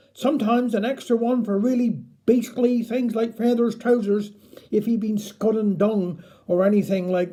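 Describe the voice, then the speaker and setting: A man's voice: high-pitched, warm tone. A man with a broad Cornish West Country accent telling a homely dialect story in a chatty, folksy way.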